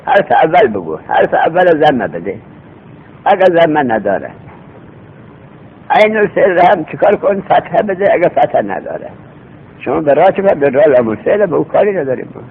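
Male teacher, raspy voice, slightly high pitch, patient with repeated rhetorical questions, over a tinny line. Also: big pitch swings. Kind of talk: seminary grammar lesson. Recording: tinny phone-like recording with faint rumble.

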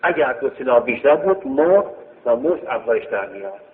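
A man's voice: medium pitch, expressive. A man teaching a grammar lesson, explaining step by step and repeating key phrases. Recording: tinny phone-like sound in a reverberant hall.

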